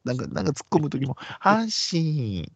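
A man with a Kansai accent, telling a story in casual chat and acting out the other people's lines with sudden high voices and whispers. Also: rapid-fire, vocal fry, slightly rough, no room sound. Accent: Kansai Japanese. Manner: animated, acts out quoted voices in pitch jumps and whispers.

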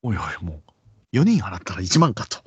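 Lively Kansai man telling a story. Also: brisk, dull audio, a crowd in the background. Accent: Kansai Japanese. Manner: animated, acts out quoted voices in pitch jumps and whispers. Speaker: storyteller in a casual chat. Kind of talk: casual storytelling chat.

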